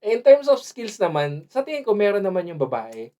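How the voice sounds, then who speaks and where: A mid-pitched co-host chatting loosely on a podcast. They laugh often, slip English into their sentences and trail off while looking for the right word. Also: big pitch swings, normal speed, warm tone. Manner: laughs often, mixes English into Tagalog, searches for words. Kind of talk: casual chat.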